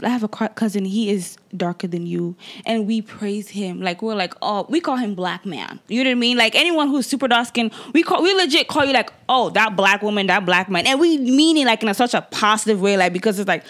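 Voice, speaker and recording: A woman's voice: medium pitch, expressive, fairly quick, few pauses, a bit bright. A young woman in casual chat, emphatic and repeating her words for stress. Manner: emphatic, repeats words, often says "listen".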